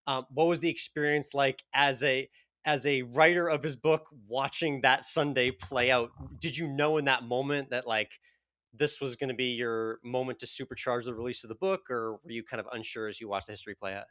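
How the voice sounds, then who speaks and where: A man's voice: mid-range voice, fairly even intonation, a little fast, a bit bright, no room sound, clean studio sound. A man hosting a podcast, asking questions in an upbeat, casual way. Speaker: podcast host. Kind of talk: podcast interview.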